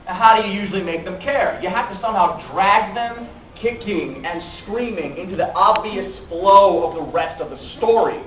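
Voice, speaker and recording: A man speaking at a fan convention panel, animated and profane, laughing often and acting out quotes, recorded in an echoey hall from far off. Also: sits high, slight background noise.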